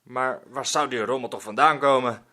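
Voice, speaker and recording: A man's voice: medium pitch, moderate pace, bright, forceful tone, natural voice. A man voicing a grumbling old male ex-pirate who barks orders. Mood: musing.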